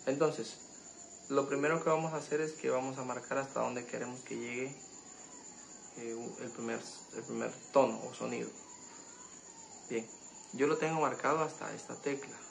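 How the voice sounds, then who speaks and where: A man hosting a keyboard tutorial, explaining step by step in a halting, casual way with many fillers and restarts. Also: medium pitch, fairly even intonation, gravelly, a little hiss or hum, low-quality recording. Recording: loud keyboard music behind.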